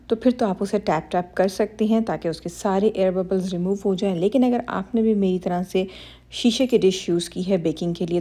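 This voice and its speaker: A woman's warm, mellow, middle-pitched voice narrates a baking tutorial over her own cooking footage. As a cooking channel host, she leads viewers through each step, reassuring and instructive the whole way, and speaks directly to women viewers.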